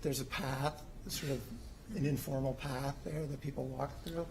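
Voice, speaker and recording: The audio is poor, with a little hiss or hum. A middle-aged homeowner with a mid-range, creaky, slightly mellow voice speaks steadily at a moderate pace, informally presenting his own plans to a city commission in a city hall meeting room, hesitant with lots of ums and restarts.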